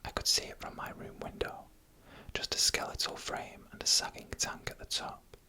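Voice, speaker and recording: Eerie stories come in a close-miked, breathy, unvoiced ASMR whisper with slow, suspenseful phrasing, and the delivery sounds pushed and bright.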